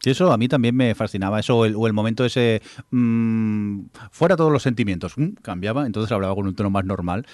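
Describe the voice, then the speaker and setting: A man's voice: fairly low pitch, brisk, few pauses, darkish tone, no echo, clean studio sound. A man from hosting a casual podcast chat, thoughtful and hesitant with fillers. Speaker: podcast host.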